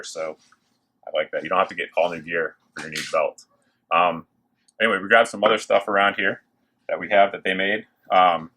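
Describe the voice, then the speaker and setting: A man's voice: low-pitched, fairly bright tone. A man hosting a gear showcase in a casual, enthusiastic, informal way, with machine noise behind him in a working factory. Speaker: host of a gear review video. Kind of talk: casual product showcase to camera. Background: working machines and clicks.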